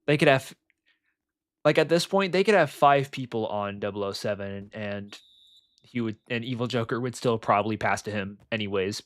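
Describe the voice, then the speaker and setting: A man's voice: lowish voice, normal speed, dry recording. Young man rambling through game commentary. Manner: excitable, rambling with many fillers. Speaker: play-by-play commentator.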